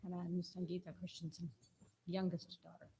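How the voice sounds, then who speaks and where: Older woman, informal eulogy. Slightly low voice, halting with personal asides, faint noise behind. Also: monotone. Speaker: family member giving a eulogy. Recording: noticeable background noise.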